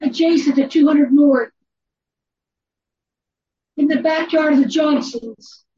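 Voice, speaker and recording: A woman's voice: high voice, fairly even intonation, takes it slowly, dark tone. A woman giving a public comment over a video call, her voice weak and strained, not yet recovered. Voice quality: strained, faint. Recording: dull lo-fi call audio.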